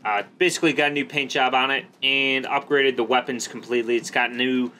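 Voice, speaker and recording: A man with a bright, forceful voice and medium pitch hosts a casual gaming video. He talks in an enthusiastic, slangy way as he narrates his play. Faint game ambience and noise sit behind his voice. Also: steady tone, a little fast. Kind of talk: casual gameplay commentary. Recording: background noise under the voice.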